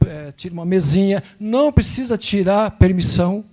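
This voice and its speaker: A man speaking informally as a guest missionary at a church service, telling animated stories and tagging phrases with "né?", on a handheld mic in a church. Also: high voice, normal speed. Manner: animated storytelling, acts out dialogues, frequent tag "né?". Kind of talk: informal church talk with anecdotes. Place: church sanctuary.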